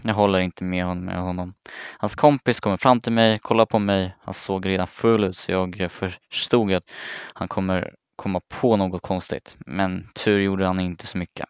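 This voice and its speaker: A young man tells a personal story in a low, smooth voice. He talks casually and haltingly, often restarting his words. The recording is dry and a little muffled. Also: fairly even intonation, no room sound. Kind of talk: first-person story narration.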